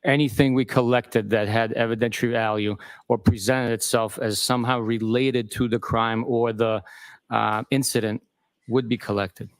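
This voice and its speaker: A male police sergeant testifies in guarded, measured answers. His tone stays flat and even. The sound is close and dry. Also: mid-range voice, no echo. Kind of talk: courtroom testimony.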